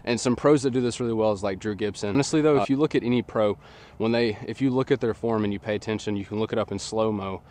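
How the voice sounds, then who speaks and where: A disc golf coach in his twenties, a young man whose voice is a bit nasal from a sinus infection, talks through a throwing technique in a relaxed, chatty way. His voice is lowish and his pace fast. A camera on a tripod picks him up from a distance in an open field.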